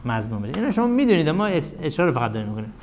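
A man teaching a classroom grammar lesson. He asks the class questions and answers them himself, and his voice drops to a low murmur at the ends of phrases. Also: big pitch swings, darkish tone, a little hiss or hum. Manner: chants verse slowly.

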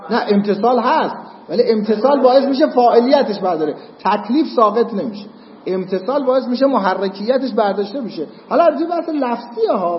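A man's voice: very high voice, slight background noise. A man teaching a seminary class on jurisprudence, explaining step by step and often checking that students follow. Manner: explanatory, checks understanding with "got it?". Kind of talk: lecturing on Islamic jurisprudence. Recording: echoey hall, muffled lo-fi sound.

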